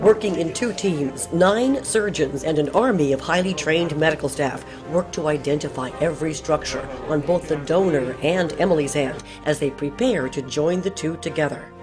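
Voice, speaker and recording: A woman narrating a news feature in a measured, even reading. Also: low voice, over music. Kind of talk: scripted narration.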